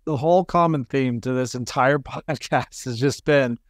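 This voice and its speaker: A man's voice: medium pitch, normal speed, no room sound, clean studio sound. A man hosting a podcast, talking in an enthusiastic, admiring way with laid-back slang. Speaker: podcast host. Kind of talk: casual podcast interview.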